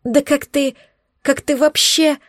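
A spoiled young countess in a storybook reading, shrill and indignant, her voice pitched up high, as a woman puts her on. She sneers and scolds with haughty contempt. The sound is dry and close. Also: steady tone, slow pace, no echo.

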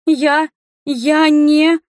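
A spiteful young fire mage girl, voiced by a woman reader whines and stammers in a shrill, high, loud voice. She sounds cornered and resentful. The storybook recording is dry and close. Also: normal speed, no room sound, natural voice. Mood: shrill, whiny.

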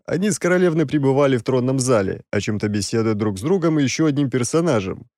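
A man's voice: medium pitch, darkish tone, no room sound. Wry male audiobook narrator, dry sound. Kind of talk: scripted first-person narration.

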